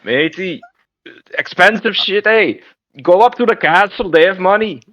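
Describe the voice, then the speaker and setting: A man's voice: sits high, a little slow, sharp tone, muffled recording. A man voicing a blunt male market merchant, attempting a Scottish accent and calling people matey. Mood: gruff. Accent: clumsy attempt at Scottish. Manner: brusque, calls others matey.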